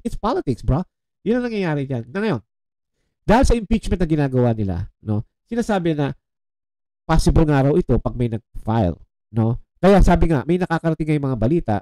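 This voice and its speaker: A man's voice: on the high side, dry recording, low-quality recording. A man in a casual political commentary vlog, mixing Tagalog and English as he talks straight to his viewers. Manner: animated, switches between Tagalog and English; addresses viewers as "mga chong".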